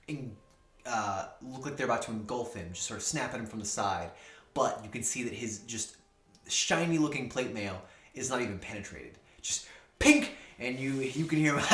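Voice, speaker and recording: A man's voice: mid-range voice, fairly bright tone, echoey room. A man narrating a tabletop game as game master, rambling and full of fillers.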